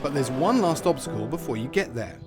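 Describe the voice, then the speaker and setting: A man's voice: medium pitch, animated, a little fast, loud music behind the voice. A man with an Australian accent presenting a travel vlog, moving between narration and casual chat with a wry, jokey, understated humour.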